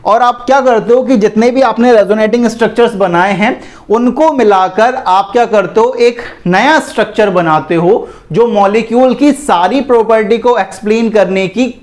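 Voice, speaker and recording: A man teaching an exam-prep chemistry lecture, asking the class questions and answering them himself, calling students "bhai". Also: sits high. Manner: repetitive, asks and answers own questions; calls listeners "bhai".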